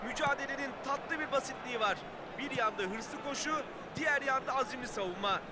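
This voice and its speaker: A man's voice: very high voice, brisk. A man doing play-by-play football match commentary. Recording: loud stadium-like background noise.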